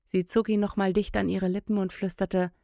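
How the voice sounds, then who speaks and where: A woman narrating an audiobook in a measured, intimate storytelling manner. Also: medium pitch, level tone, vocal fry, dark tone, dry recording, studio quality.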